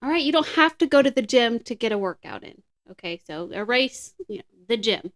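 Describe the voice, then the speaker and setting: A woman's voice: on the high side, sing-song, brisk. A woman co-hosting a casual podcast, upbeat and explaining exercise tips. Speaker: podcast co-host.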